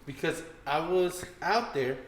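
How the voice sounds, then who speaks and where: A man's voice: fairly high pitch, lively intonation, slow pace. A young man hosting a podcast in casual chat, slangy and profane, often calling people "dog". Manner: slangy, says "dog" a lot, swears. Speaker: podcast host. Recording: echoey room.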